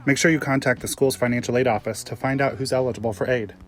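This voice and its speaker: A man announcer reading a scripted informational message in a steady, informative way. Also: medium pitch, quick pace, soft background music.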